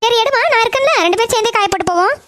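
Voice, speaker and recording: A woman's voice: very high voice, racing, fairly bright tone, pitched above the performer's own voice. A woman voicing a greedy, scheming middle-aged aunt in a cartoon, muttering her plots to herself. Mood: coaxing. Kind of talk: cartoon voice acting.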